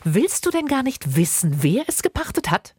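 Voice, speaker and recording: A woman reading aloud and voicing a fussy, excitable middle-aged mother who is desperate to marry off her daughters, speaking in a shrill, insistent, gushing way. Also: moderate pace, slightly rough, no room sound, clean studio sound. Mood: eager, insistent. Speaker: reader. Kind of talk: dramatized audiobook reading.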